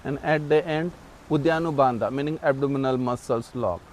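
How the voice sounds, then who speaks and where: Male yoga instructor over noisy background. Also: medium pitch. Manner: halting, repetitive explanations with throat clearing. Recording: clearly noisy background ambience.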